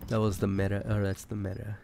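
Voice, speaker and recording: A man with a low, gravelly voice rambles casually as he comments on gameplay. He sounds sick and keeps clearing his throat, swearing freely as he talks. The recording carries a steady hiss of noise behind him. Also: quick pace. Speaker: gaming commentator.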